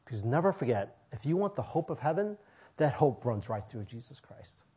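A man's voice: mid-range voice, sing-song, fairly quick, mellow, husky. A man preaching a sermon to his congregation in a church, pleading and emphatic, driving points home with repeated phrases. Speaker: pastor.

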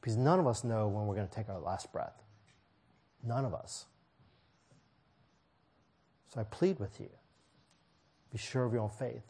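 A man's voice: fairly low pitch, animated, unhurried, long pauses, warm tone, breathy edge. A man preaching a sermon to his congregation in a church, pleading and emphatic, driving points home with repeated phrases. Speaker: pastor.

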